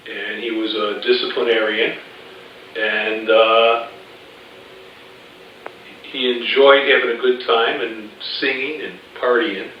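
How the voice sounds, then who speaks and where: A man's voice: on the low side, little pitch movement, slow pace, long pauses. A man in his fifties from Chicago, recalling family memories in a hesitant way in a casual interview. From Chicago, USA. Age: 50s. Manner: hesitant, many "uh" fillers. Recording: very echoey, distant, dull, faint hiss.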